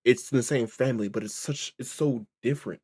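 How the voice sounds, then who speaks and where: A man's voice: medium pitch, brisk, darkish tone, breathy edge. A man giving a casual, rambling reaction commentary, full of slang and filler. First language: English. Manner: rambling, slangy, says bro a lot. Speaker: reaction video host.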